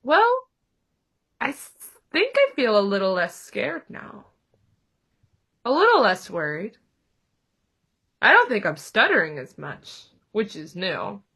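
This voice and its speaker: A woman voicing a small, anxious piglet who is timid and self-doubting, speaking haltingly with a stammer. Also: medium pitch, very animated, bright, forceful tone, breathy edge, heavily acted. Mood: cautiously relieved. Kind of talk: role-played therapy client in character.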